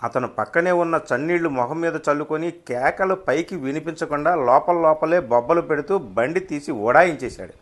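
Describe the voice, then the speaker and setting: A man reading his own short story aloud as narrator, in a wry, unhurried storytelling manner. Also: fairly high pitch.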